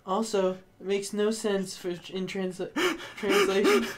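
Smug schoolgirl club president, slow and sugary, voiced by a man. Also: high voice, big pitch swings. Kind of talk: let's play character voicing.

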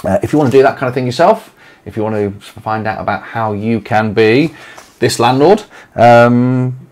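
A man's voice: mid-range voice, moderate pace, a little mellow. A man in his forties with an East Midlands English accent, chatting casually to camera from a small home office, rambling with lots of fillers and restarts. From England. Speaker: letting agency owner.

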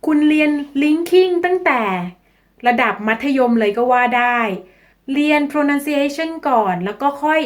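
A Thai-speaking woman gives an English lesson at an unhurried, measured pace. Her voice sits a little high, and she spells out each English example sentence with deliberate care. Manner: slow, careful delivery with deliberate English examples. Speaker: English teacher. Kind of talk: English-learning tips lesson.

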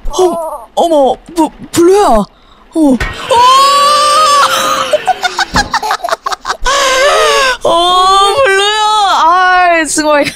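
A woman's voice: very high-pitched, slow pace, very noisy. A woman game YouTuber giving playful role-play commentary, exclaiming and fussing over a baby character as she plays.

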